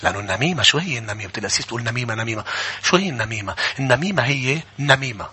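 A man with a Levantine Arabic accent preaching a sermon to a live congregation in a church. He moves from chatty asides to fervent shouting and calls on the congregation to answer him. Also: mid-range voice, expressive, racing, slight background noise. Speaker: pastor.

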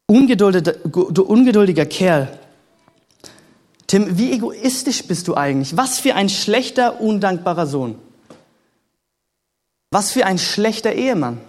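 A man voicing a harsh inner accuser who condemns him, speaking slowly and lower than his usual voice. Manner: slow, low, accusing.

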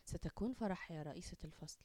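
A firm, fair female school official in a storybook, brisk and questioning, as a woman puts her on. Mellow tone, dry and close. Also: lowish voice, no echo, lightly acted. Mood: resigned.

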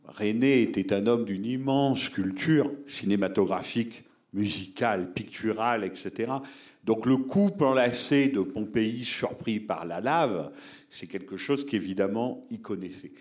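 A man's voice: lowish voice, a little slow, darkish tone. A man giving a public talk on film, answering audience members in an explanatory, emphatic way and addressing listeners directly.

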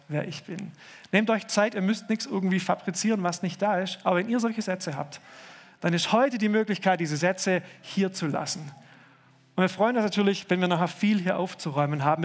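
A man preaching a sermon in a church service, earnest and slowing down to stress key phrases. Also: high voice. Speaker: pastor.

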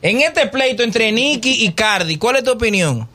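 Bright high-voiced male radio host. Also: animated. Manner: brisk, calls callers brother. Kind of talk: lively radio hosting, taking calls.

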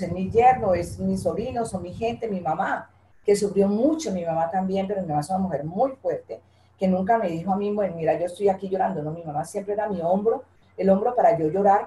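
An older woman talks in a heartfelt, earnest way and circles back over her own phrases. Her voice is mellow and warm. The sound carries a noticeable echo from the room. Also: mid-range voice, a little hiss or hum. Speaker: guest, interviewee's mother. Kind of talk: emotional interview talk.

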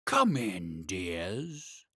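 A man reading aloud, voicing a lonely, gentle old male dragon who speaks low and slowly. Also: huge pitch swings, breathy edge, no echo, studio quality, heavily acted. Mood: kindly. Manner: low, slow and mild.

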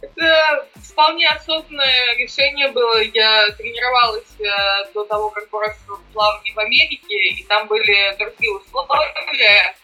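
A woman's voice: a little high, normal speed, sharp tone, soft background music, rough recording. A young woman answering interview questions casually, with a slushy, sh-like s from braces. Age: young adult. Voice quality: slushy lisp from new braces, sh-like s. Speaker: podcast guest, amateur triathlete and former swimmer.

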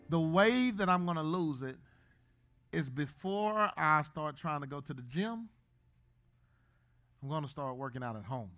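A man in his thirties, a pastor, preaching a sermon in a church, joking at times and then building to loud, emphatic bursts. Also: a little high. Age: 30s.

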